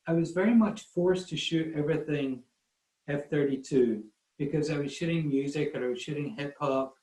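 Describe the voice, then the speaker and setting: Here a man from Scotland, his pitch fairly high and his tone on the dark side, shares rambling anecdotes that make light of himself. He appears as a guest photographer in an informal online talk, and the recording echoes.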